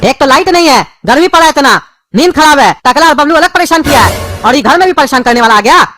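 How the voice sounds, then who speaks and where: A woman's voice: high voice, animated, quick pace, over music. Woman voicing a grumpy cartoon dad. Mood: irritated. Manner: irritable, scolding, threatening. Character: grumpy sleepy father, short-tempered man. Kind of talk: cartoon voice acting.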